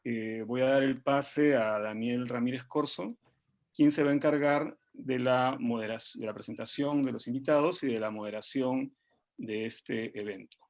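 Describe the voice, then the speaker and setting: A man gives a formal, halting opening announcement with drawn-out fillers, speaking over an online video call. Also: mid-range voice, darkish tone. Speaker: event organizer. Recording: dull lo-fi online call audio.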